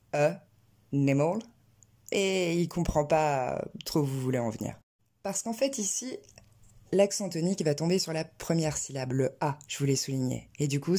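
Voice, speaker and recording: A woman teaching an English pronunciation lesson, explaining clearly and slowing down to model words. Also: deep voice, dark tone.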